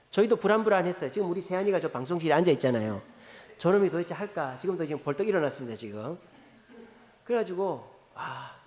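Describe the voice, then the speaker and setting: Middle-aged male pastor, animated and playful, swoops high, acts out dialogue; roomy church reverb. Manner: playful storytelling, acting out dialogue. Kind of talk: lively Friday prayer sermon. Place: church sanctuary. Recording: echoey church hall reverb.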